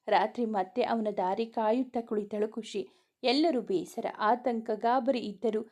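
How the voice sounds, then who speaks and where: Woman reading a romance story, kinda high and mellow, soft and steady.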